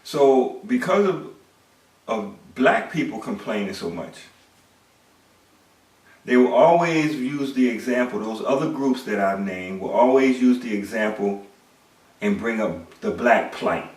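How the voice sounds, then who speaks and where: A man's voice: medium pitch, expressive, a little slow, darkish tone, far from the mic. A middle-aged man delivering an emphatic monologue lecture, posing rhetorical questions and repeating words. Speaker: commentator. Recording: echoey room, away from the mic.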